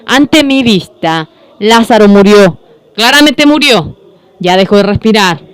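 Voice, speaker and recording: Sermon interpreter, unhurried and clear, dry close sound, repetitive phrasing. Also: medium pitch, animated, no room sound. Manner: slow, repetitive phrasing with self-corrections.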